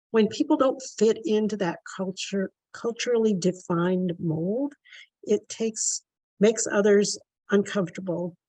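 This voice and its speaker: A woman moderating a panel discussion, reading a prepared talk in a slow, measured way. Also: mid-range voice, darkish tone, dry recording, low-quality recording. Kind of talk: prepared presentation.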